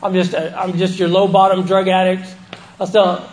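A man speaking through missing front teeth, giving halting, self-deprecating, sweary personal testimony as a speaker at an informal recovery meeting. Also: sits high, completely flat delivery, a little mellow, rough recording.

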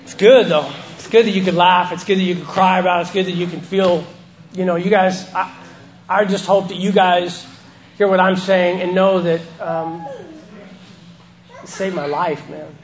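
A man speaking through missing front teeth, giving halting, self-deprecating, sweary personal testimony as a speaker at an informal recovery meeting. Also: high voice, steady tone.

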